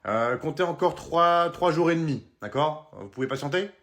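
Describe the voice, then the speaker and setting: A young man acting out comedy sketches, animated and exaggerated, swinging between shouts and mutters. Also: a little high, normal speed. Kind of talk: comedy sketches, several roles.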